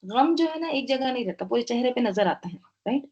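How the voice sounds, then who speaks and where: Woman teaching Quran tafsir, slow verse recitation. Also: on the high side, lively intonation, darkish tone, highs cut off. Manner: explains word roots step by step, asks and answers own questions, tag "right?"; recites Arabic verses slowly.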